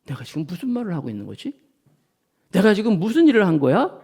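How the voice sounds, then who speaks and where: A man's voice: sits high, huge pitch swings, fast, a little mellow, slightly rough, exaggerated voice. A man voicing the apostle Peter, a grown man anguished over his failure and confessing it aloud. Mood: dismayed. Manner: anguished self-questioning confession.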